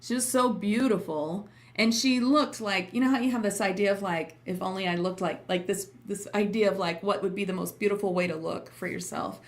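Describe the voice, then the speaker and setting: A woman's voice: mid-range voice, brisk, few pauses. Giggly, informal woman chatting on a livestream. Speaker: host and trance channeling teacher. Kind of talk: casual livestream chat with viewers.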